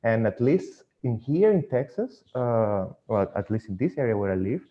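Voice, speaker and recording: Casual male interviewee with a Venezuelan accent, enthusiastic but halting, on a muffled internet call. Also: medium pitch, sing-song. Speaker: online physics tutor. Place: indoors, speaking over a video call. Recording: dull lo-fi internet call audio.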